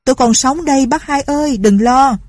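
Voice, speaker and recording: Brief: woman reader playing a hot-headed young man, urgent and defiant, husky. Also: mid-range voice, brisk, mellow, no room sound, natural voice. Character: headstrong young man, landlord's lovesick son.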